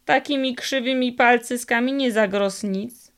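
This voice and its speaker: A woman voicing a cunning old highland fiddler who speaks in a slow, drawling Podhale dialect. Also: fairly bright tone. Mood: sly. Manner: slow, drawling folksy speech.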